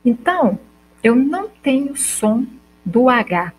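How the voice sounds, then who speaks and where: A woman teacher with a Brazilian accent explaining a lesson step by step, slowly sounding out example words and checking in with her students. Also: on the high side, sing-song, slight background noise, low-quality recording. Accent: Brazilian Portuguese. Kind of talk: recorded school lesson.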